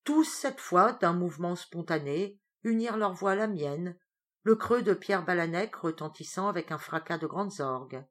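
Woman reading a tale dramatically. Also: normal speed. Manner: expressive, theatrical, with sudden rises in pitch and loudness for suspense. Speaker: storyteller. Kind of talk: dramatic reading of a first-person sea tale.

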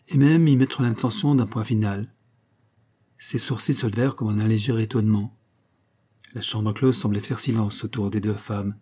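A man narrating a novel in an audiobook with measured, literary storytelling. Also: on the low side, dark tone, husky.

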